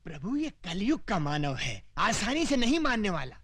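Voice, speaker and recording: A man's voice: sits high, very animated, normal speed, fairly bright tone, slightly rough, dry recording, exaggerated voice. A man playing a crafty, fawning male scribe serving the god of death, coaxing and chatty in a comic sketch.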